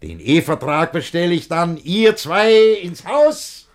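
In a verse comedy radio play, a male actor voices a domineering, scheming, jealous older guardian, lecturing theatrically in a husky voice. His pitch is fairly high with big swings, his pace unhurried, and his mood smug and preachy.

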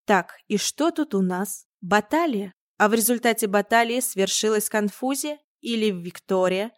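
A woman voicing a brisk, grumbling elderly general's widow in a storybook reading, loud and bossy. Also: medium pitch, no room sound, studio quality, natural voice. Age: older.

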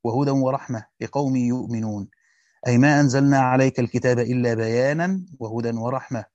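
Egyptian man, teacher, rapid classical reading, grammar asides, dry dull sound. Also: medium pitch, a little mellow, no echo. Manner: reads quickly, stops to explain grammar and quiz students. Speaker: teacher reading and explaining a Quran commentary. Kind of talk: fast classical Arabic reading with colloquial explanations.

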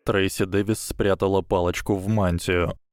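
A man narrates an audiobook with a fairly low voice in a steady, measured read. The sound is dry and close, with no room in it. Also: no echo.

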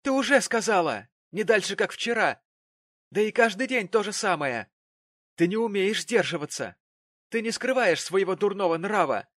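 A man's voice: mid-range voice, moderate pace, dry recording, natural voice. Pompous middle-aged father read by a man, sanctimonious storybook voice, dry close sound. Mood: angry. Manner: sanctimonious, turning to angry shouting.

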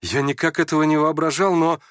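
A man reading aloud and voicing a gentle, timid young prince who speaks softly and hesitantly. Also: on the high side, fairly even intonation, brisk, no echo, studio quality, voice pushed up, close to an everyday voice. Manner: soft, hesitant, stammering.

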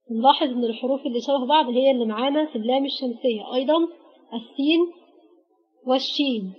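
Egyptian lady teaching a grammar lesson, kinda high and husky, slow and patient, muffled lo-fi sound. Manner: patient, spells out letters one by one with pauses. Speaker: Arabic teacher. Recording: dull lo-fi recording.

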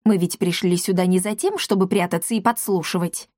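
A woman's voice: fairly low pitch, a little fast, a little mellow, no echo, studio quality, close to an everyday voice. A woman voicing a bold, impatient male cat in a storybook reading.

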